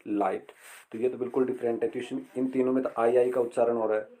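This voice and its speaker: A middle-aged male teacher explaining an English lesson slowly and patiently, repeating words and reading phrases aloud. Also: medium pitch, little pitch movement, dark tone.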